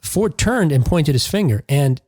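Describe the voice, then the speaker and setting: A man co-hosting a casual podcast chat, relaying entertainment news as an animated storyteller. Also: fairly high pitch, unhurried, no room sound, studio quality. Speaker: podcast co-host.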